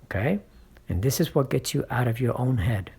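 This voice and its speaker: Hosting his channel as a speaking coach, a man shares motivational advice from his own experience and keeps asking the listener "right?" and "okay?" to encourage them. His medium-pitched voice is expressive, gravelly, mellow, and a little breathy, at a moderate pace.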